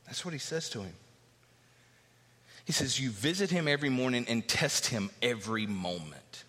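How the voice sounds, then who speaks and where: Preaching man, bright voice, reverberant hall. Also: lively intonation, normal speed. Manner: expository preaching, reads scripture aloud, rises in pitch for emphasis. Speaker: pastor. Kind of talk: sermon.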